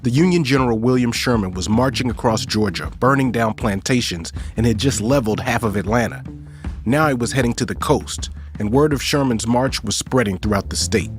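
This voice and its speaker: Male podcast host, scripted history narration, mid-range pitch, faint backing music. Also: fairly quick.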